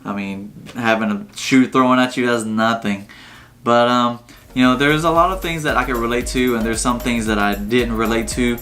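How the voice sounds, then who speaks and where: A man hosting a casual reaction video, talking in a relaxed, rambling way with plenty of fillers. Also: mid-range voice, moderate pace, soft background music. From Vietnam. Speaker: channel host.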